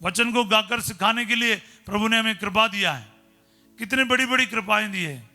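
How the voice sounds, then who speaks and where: Man, priest, middle-aged, storytelling sermon, very sharp bright tone. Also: high-pitched, normal speed, soft background music. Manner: storytelling preacher, simple conversational Hindi, exclaims hallelujah. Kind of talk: sermon with personal stories.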